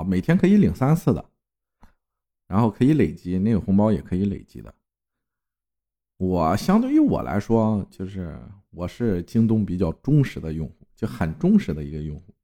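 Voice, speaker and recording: A male podcast host who narrates a ghost story in an expressive reading voice and also reads an ad in a relaxed, chatty way. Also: low-pitched.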